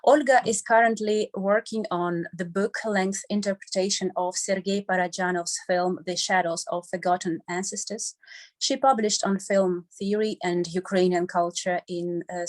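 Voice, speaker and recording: Woman chairing a panel, introducing a speaker. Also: lowish voice.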